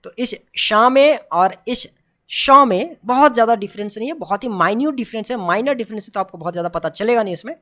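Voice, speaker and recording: A woman giving an online pronunciation lesson, repeating sounds slowly and setting right forms against wrong ones, with English phrases mixed in. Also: a little high, lively intonation, fairly bright tone. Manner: mixes English phrases into Hindi. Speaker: pronunciation teacher.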